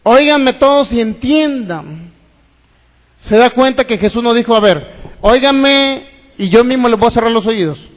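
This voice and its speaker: High-voiced pastor preaching in a hall. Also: male voice, fairly quick. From Mexico. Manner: preaching with rhetorical questions to the congregation. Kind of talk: sermon. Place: church hall. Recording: long hall reverb.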